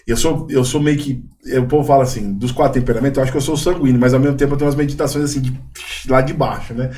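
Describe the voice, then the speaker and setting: A young Brazilian man, a missionary guest, chatting casually and telling lively stories, acting out the voices of people in them. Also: medium pitch, racing. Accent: Brazilian Portuguese. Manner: animated storyteller, acts out quoted voices. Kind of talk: casual chat.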